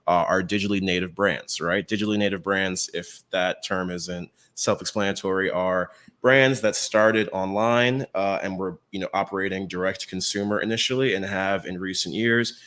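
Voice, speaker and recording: Speaking at a moderate pace with few pauses, this co-host has a low, somewhat bright voice and fairly even intonation. He covers retail trends conversationally, keeping it relaxed and frequently checking in with whoever is listening.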